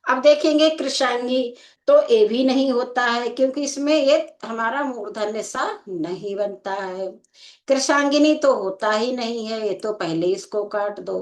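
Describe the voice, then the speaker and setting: A woman teaching a Hindi spelling lesson for exam preparation, explaining slowly and checking in with the class again and again. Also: fairly high pitch. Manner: slow and explanatory, repeating "ठीक है" as a check. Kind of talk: exam-prep lecture.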